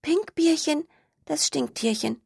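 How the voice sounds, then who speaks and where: A woman voicing a small, shy, childlike skunk in a storybook reading, speaking high, soft and tender, sometimes in a whisper. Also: slow pace, gravelly, no echo, studio quality, exaggerated voice. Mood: soft, pleading.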